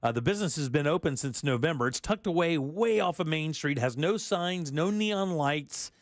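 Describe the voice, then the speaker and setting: A man's voice: fairly high pitch, lively intonation, normal speed, no echo, clean studio sound. A man hosting a radio talk show, reading news items with casual asides and frequent laughs. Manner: chatty, laughs often, reads stories with asides.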